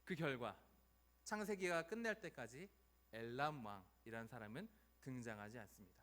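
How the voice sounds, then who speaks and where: Man preaching, really lively up-and-down voice, bright tone, acts out characters. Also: medium pitch, normal speed. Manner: animated storytelling, acting out voices. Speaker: pastor. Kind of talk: sermon.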